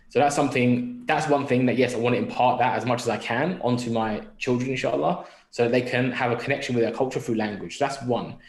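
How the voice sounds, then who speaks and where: An echoey room surrounds this young man with a London accent as he talks at a middle pitch with a darkish tone. In casual, reflective podcast style, he thinks aloud and often puts questions to himself.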